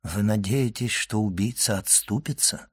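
A man voicing a grave doctor who questions an old man in a low, hushed and urgent voice. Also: normal speed, breathy edge, no echo, studio quality. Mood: hushed probing.

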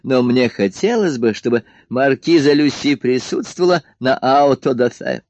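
A man voicing a grandiose, boisterous madman who calls himself emperor, speaking in a drawn-out, exalted way. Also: mid-range voice, lively intonation, a little mellow, dry recording, pitched above the performer's own voice, lightly acted. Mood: grandiose, leering. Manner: leering, exalted, drawn-out slow speech. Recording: dull dry lo-fi studio recording.

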